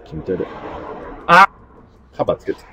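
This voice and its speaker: A man's voice: moderate pace, sharp tone, muffled recording, a little hiss or hum. A middle-aged man hosting a casual do-it-yourself car repair video, chatting and grumbling to himself as he works. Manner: chatty, mutters complaints while working. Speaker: host.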